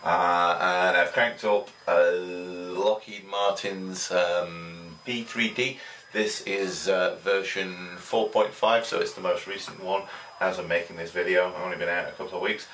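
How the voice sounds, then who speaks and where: Middle-aged man, low voice, rambling home review, echoey room, camera mic a few feet off. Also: fairly even intonation, a little slow, fairly bright tone. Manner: rambling, hesitant, many fillers. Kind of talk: casual product review. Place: small home room with desk and computer. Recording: roomy, distant camera audio, faint hiss.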